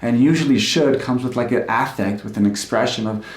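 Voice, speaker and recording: A man's voice: mid-range voice, a little fast. A male couples therapist giving an informal, conversational talk, explaining ideas with frequent filler words. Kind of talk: informal live-streamed talk. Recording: roomy echo.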